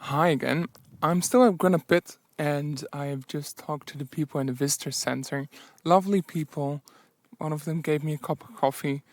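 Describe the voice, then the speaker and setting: A man's voice: a little high, fairly even intonation, normal speed, hardly any pauses, dry recording. A man telling anecdotes in a casual, rambling, self-deprecating audio diary while out on a walking trip. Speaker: travel vlogger on a solo walking trip.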